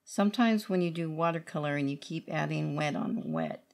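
A woman's voice: sits low, huge pitch swings, normal speed, gravelly, a little mellow. A middle-aged woman teaching watercolor painting step by step, speaking unscripted in short, sparse phrases as she works. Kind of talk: unscripted step-by-step art tutorial. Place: indoor studio room at a worktable.

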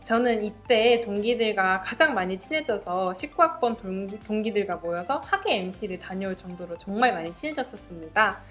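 Student presenter, female, young adult, formal rehearsed delivery, medium-pitched voice with soft music behind. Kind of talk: polite scripted presentation.

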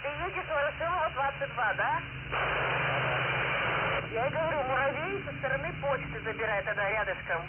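A taxi radio operator giving brisk, matter-of-fact directions over a breaking-up two-way radio. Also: high voice. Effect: breaking-up two-way taxi radio transmission. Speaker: taxi radio dispatcher or driver. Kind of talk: radio dispatch chatter. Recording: tinny two-way radio with loud static.

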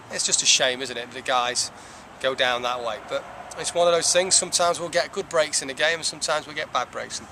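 Fast-talking coach outdoors by traffic. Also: male voice, medium pitch. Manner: measured, reflective, frequent "you know". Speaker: head soccer coach. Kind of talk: postgame interview. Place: outdoors by a stone wall.

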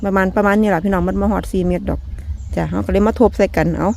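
A woman's voice: medium pitch, steady tone, racing, vocal fry. Chatty Isan woman vlogger outdoors. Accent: Isan (Northeastern Thai). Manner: chatty, folksy, ends phrases with soft polite particles, laughs often. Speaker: vlog host. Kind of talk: casual chat to viewers. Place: rural home garden, outdoors.

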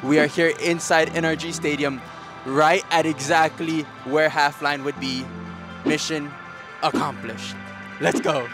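A man with a slightly high voice narrates a soccer travel vlog at a measured, steady pace over music. Upbeat, he speaks straight to his viewers, calling them guys, as he moves from outdoors into a large stadium.

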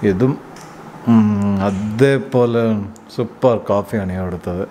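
A man's voice: lowish voice, rapid-fire, dark tone, slight background noise. A Malayali-accented man talking through a face mask, chatting to his viewers in a casual food vlog from a restaurant. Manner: chatty, addresses viewers as friends. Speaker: food vlogger. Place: busy restaurant.

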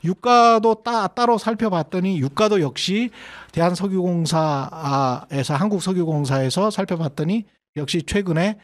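Man talking markets, higher-pitched and chatty. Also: measured pace. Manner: conversational with many fillers and self-corrections. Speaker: host of an economics commentary channel. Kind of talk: solo commentary to members.

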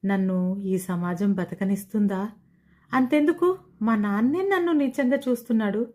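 A woman's voice: medium pitch, normal speed, darkish tone, lightly acted. A woman storyteller voicing an ashamed, frightened young pregnant woman who talks apologetically and is close to tears. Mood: distressed.

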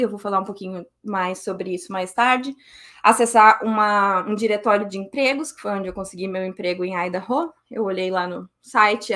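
A woman's voice: medium pitch, fairly bright tone. A woman, giving a casual online lecture as a cello teacher over a webcam. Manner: casual, chatty explaining with fillers. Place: room at home. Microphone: webcam on video call.

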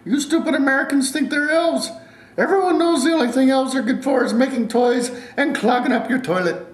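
A man voicing a cranky, boozy Irish leprechaun with a gruff, cheeky manner. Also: extremely high pitch, a little fast, echoey room, pitched above the performer's own voice.

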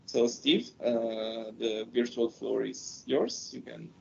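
A man hosting a webinar and introducing a guest speaker over a video call, heard through a screen recording, speaking haltingly with frequent fillers. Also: steady tone, gravelly. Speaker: webinar host. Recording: dull lo-fi audio with faint rumble.

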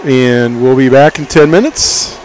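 A middle-aged local sportscaster with a medium-pitched voice calls a hockey game a little slowly, in a folksy and partisan style. The crowd is loud and the arena is noisy throughout.

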